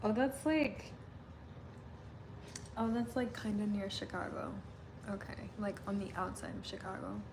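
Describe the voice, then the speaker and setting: A woman's voice: medium pitch, a little slow, creaky, pauses often, background noise. A young woman from Illinois in the US Midwest, hosting a casual livestream, chatting with viewers, giggling often and saying "like" a lot. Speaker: livestream host. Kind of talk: casual livestream chat reading comments.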